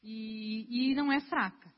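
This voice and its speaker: Speaking at a measured pace in a steady tone, a young woman with a highish voice preaches to her congregation in a church hall. Her sermon feels sincere and conversational and is addressed right to them. Long hall reverb colors the dull, lo-fi audio.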